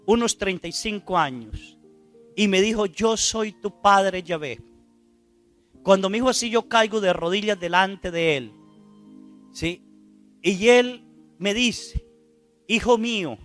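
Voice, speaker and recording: A priest preaching a sermon, retelling a testimony with dramatic, loud quoted lines and rhetorical questions to his listeners. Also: high voice. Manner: dramatic, acts out quoted speech loudly, asks the congregation rhetorical questions.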